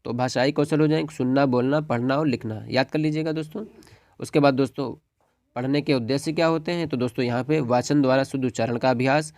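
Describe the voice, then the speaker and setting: A man's voice: medium pitch, steady tone, fast, a little mellow, dry recording. Guy going through exam answers for students, keeps saying friends and ok, dry close mic. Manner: repeats "dosto" and "theek hai", reads answers as dictated lists. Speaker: exam tutor. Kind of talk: exam paper walkthrough lesson.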